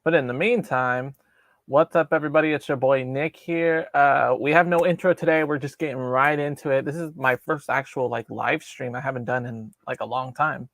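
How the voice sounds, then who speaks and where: A young man casually hosting his own live-stream recap show, talking in a chatty way with fillers and quick restarts. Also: mid-range voice, steady tone, gravelly, a bit bright, dry recording.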